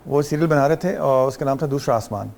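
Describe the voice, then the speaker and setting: A man's voice: mid-range voice, creaky, a little mellow. A man with a Pakistani Urdu accent, a guest on a talk show, telling chatty anecdotes and mixing in English and Arabic phrases. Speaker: guest actor. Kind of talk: relaxed talk show storytelling.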